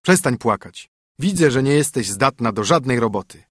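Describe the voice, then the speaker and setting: A stern minstrel husband who is really a king in disguise, as a male narrator puts him on. He orders and scolds in a raised, louder voice with a husky grain. The sound is close and dry. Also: medium pitch, animated, normal speed, no echo, close to an everyday voice. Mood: scolding. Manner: scolding, commanding.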